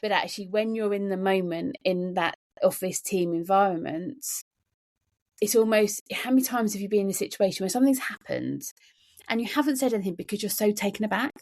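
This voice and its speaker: A woman with a mid-range, slightly mellow voice talks fairly quickly as a podcast guest. As a neurodiversity trainer in a conversational interview, she speaks about workplaces with earnest emphasis, many repetitions, and plenty of "you know."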